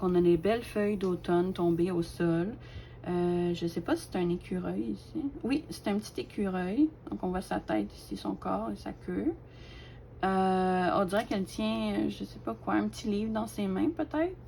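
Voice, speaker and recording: A woman, casually showing off her craft collection, chatty and hesitant with lots of fillers and soft laughs. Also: medium pitch, slight background noise. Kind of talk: casual show-and-tell.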